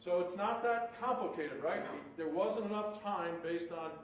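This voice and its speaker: A defense attorney with a high voice cross-examines a witness a little slowly, tagging his leading questions with "correct?". The audio comes from a distant mic in an echoey courtroom, with faint noise underneath.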